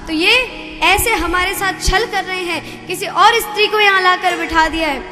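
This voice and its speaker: A woman's voice: extremely high pitch, moderate pace, pushed and bright. A woman voicing a jealous young wife who complains in agitation, with music behind her. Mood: upset. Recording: reverberant hall with music.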